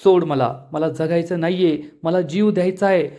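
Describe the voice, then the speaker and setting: A man's voice: on the high side, moderate pace, dark tone, lightly acted. A man reading out the lines of a furious, despairing middle-aged mother, scolding bitterly.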